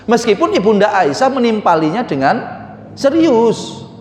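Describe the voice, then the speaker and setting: A man's voice: high-pitched, animated, normal speed, a little hiss or hum. A man preaching a sermon, joking and asking the audience questions, through a microphone in a large hall. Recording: echoey hall with reverb.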